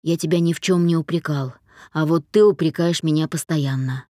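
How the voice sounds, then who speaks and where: A woman's voice: fairly even intonation, normal speed, warm tone, no echo, clean studio sound, lightly acted. A woman voicing an irritable middle-aged father who talks down to his daughter, in an audiobook. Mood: contemptuous. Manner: low, contemptuous, curt.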